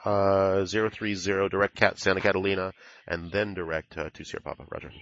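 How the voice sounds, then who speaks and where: Deep, gravelly male pilot on headset radio. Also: flat delivery, fairly quick, a bit bright, no echo. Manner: clipped aviation phraseology. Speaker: pilot in an online flight simulation. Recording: dull, band-limited radio audio.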